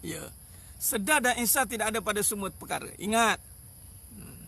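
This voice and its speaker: Emphatic Malaysian preacher, high gravelly voice. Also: male voice, expressive, moderate pace, sharp tone. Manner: emphatic, repetitive, rhetorical questions. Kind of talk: sermon. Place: outdoors in the sun.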